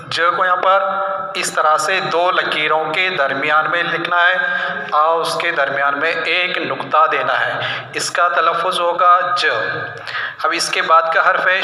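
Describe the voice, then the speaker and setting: A man's voice: high-pitched, pushed and bright. A man teaching an Urdu alphabet lesson in a patient way, asking questions and answering them himself. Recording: echoey room.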